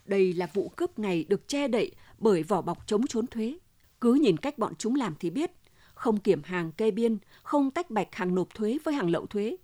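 A woman's voice: mid-range voice, lively intonation, normal speed, mellow, dry recording, lightly acted. Woman reading as a brooding, anxious husband. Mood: gloomy. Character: anxious husband, middle-aged man, brooding.

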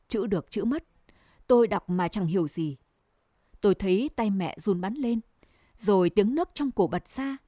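A woman narrating a scripted first-person story in a measured, sorrowful way. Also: mid-range voice, mellow, no echo, clean studio sound.

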